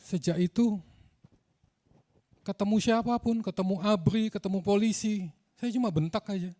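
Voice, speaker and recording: Preacher guy, a bit high-pitched, chatty sermon storytelling. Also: moderate pace, mellow. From Indonesia. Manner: conversational, addresses the congregation, frequent filler "gitu".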